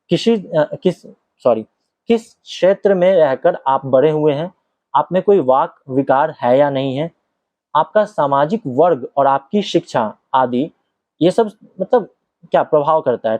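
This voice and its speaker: A man's voice: fairly high pitch, mellow, no echo. A man from Bihar, reading an acting book aloud and explaining it in casual asides as a teacher. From Bihar, India. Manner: switches between careful reading and casual asides, often asks "ठीक है?". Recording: dull lo-fi, dry sound.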